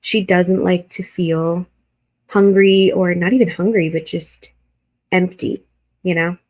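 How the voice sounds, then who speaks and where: A woman's voice: fairly low pitch, steady tone, slow pace, a little mellow. A woman hosting a reaction video, giving blunt, critical commentary and swearing freely.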